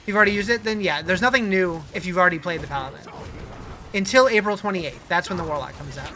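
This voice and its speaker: Talking fast in a mid-range, pushed, bright voice, a game streamer chats easily with viewers and fields their questions during a casual live stream. A little hiss or hum can be heard.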